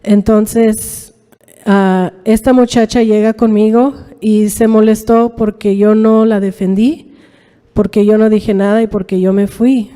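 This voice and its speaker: A woman's voice: mid-range voice, little pitch movement, measured pace, warm tone, smooth. A woman giving a personal testimony in church, speaking conversationally in with many fillers and tag questions. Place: church sanctuary. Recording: reverberant church hall.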